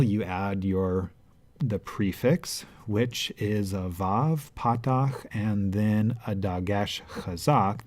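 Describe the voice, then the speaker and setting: Slow, mellow-voiced man teaching grammar. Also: fairly low pitch, no echo. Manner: patient, deliberate, chanting Hebrew verses slowly. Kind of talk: explanatory lecture.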